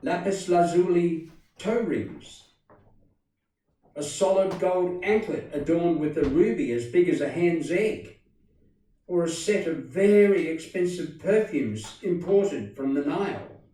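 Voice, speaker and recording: A haughty, stern genie, as a male storyteller puts him on, speaking slowly and loftily. The voice is dark-toned and distant in a very echoey room. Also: on the high side, expressive. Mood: bored. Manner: stern and lofty.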